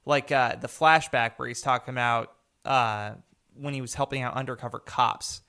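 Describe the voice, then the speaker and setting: A young man co-hosting a podcast, chatting casually about a movie and acting out scenes with sudden loud bursts. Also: mid-range voice, moderate pace, smooth. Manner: animated, acts out scenes with sudden loud outbursts. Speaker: podcast co-host. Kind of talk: casual film discussion.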